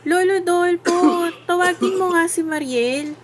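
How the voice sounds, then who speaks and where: A caring nurse in a horror radio play. Her high voice is polite but brisk as she directs helpers and calms a panicked patient. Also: over a noisy crowd. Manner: soothing yet commanding, polite.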